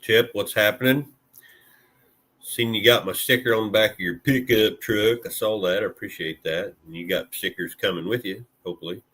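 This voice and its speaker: A man from Illinois, USA chats casually with live-stream viewers, laid-back and rambling, with plenty of fillers and mild swearing. His voice is lowish, a bit bright and slightly rough, at a moderate pace.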